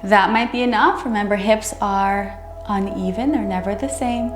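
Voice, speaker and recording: A woman instructing a chair yoga class in a careful, unhurried way, gently guiding each movement. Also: mid-range voice. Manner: careful, unhurried, measured delivery. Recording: roomy echo, music underneath. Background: music.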